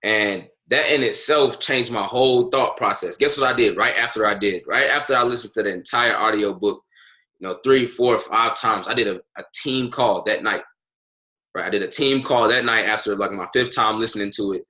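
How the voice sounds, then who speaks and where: A man's voice: medium pitch, fairly quick, bright, forceful tone. A young man in his twenties giving a motivational talk on a team call, with a preachy tone that keeps checking in with his listeners. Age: 20s. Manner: preachy, repeats "right?" and "family" to listeners.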